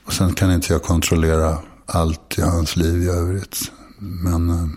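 A man in his sixties talking frankly and confessionally, halting often and restarting his sentences. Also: low-pitched, flat delivery, darkish tone. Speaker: guest. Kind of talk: candid personal conversation.

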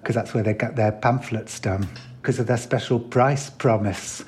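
Man doing a low calm preacher guy, asking for stuff in return. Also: slight background noise, lightly acted. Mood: insistent. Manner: measured, bargaining. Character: calm, insistent male militant preacher asking favors.

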